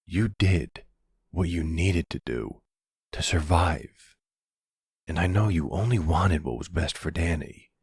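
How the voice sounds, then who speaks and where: A middle-aged man plays a silver-fox mafia boss in an intimate ASMR roleplay, his extremely low, gravelly, husky, breathy voice exaggerated and unhurried, full of pet names. Tender, protective, and soothing, he sounds troubled yet consoling. He is heard close and dry, with no room sound.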